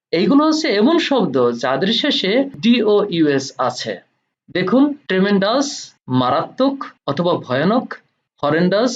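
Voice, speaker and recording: A man's voice: high voice, lo-fi sound. A man narrating an English vocabulary lesson, posing quiz questions to the viewer and then answering them. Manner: rising and falling teacher's cadence, posing quiz questions. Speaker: English teacher. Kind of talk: scripted tutorial narration.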